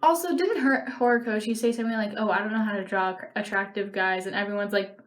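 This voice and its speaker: A young woman vlogging casually while doing her makeup, rambling with quick self-mocking asides. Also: medium pitch. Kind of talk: rambling makeup vlog chat. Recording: echoey room with faint noise.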